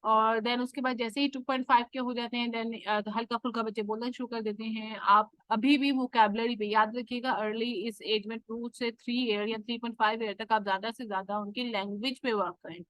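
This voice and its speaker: A woman with a fairly high voice leads a homeschooling workshop, explaining each step patiently to other parents. She moves easily between Hindi and English phrases as she teaches. The sound is dry and close, with no room echo. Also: steady tone, a little fast, few pauses, fairly bright tone. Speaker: homeschooling workshop host and mother. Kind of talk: instructional workshop talk.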